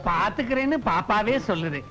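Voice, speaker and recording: A man's voice: sits high, lively intonation, fairly quick, pushed and bright, faint music behind, poor audio. A fussy, scheming comic father. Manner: lecturing, mock-solemn and fussy. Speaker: groom's father in a film comedy scene. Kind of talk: film comedy dialogue.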